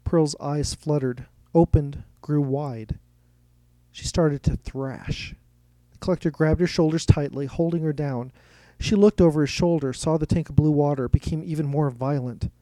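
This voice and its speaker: Mellow-voiced male story narrator. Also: a little high, moderate pace, no room sound.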